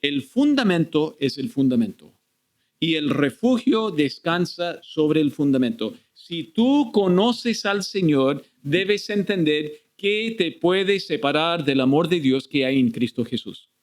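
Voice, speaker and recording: High-voiced male preacher. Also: expressive, slow pace. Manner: asks the congregation frequent rhetorical questions. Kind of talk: expository sermon. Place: church.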